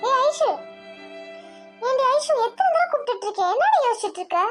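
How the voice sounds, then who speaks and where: A woman's voice: very high voice, very animated, fairly quick, music in the background. A woman voicing a bossy young female college friend in a Tamil cartoon, teasing and coaxing.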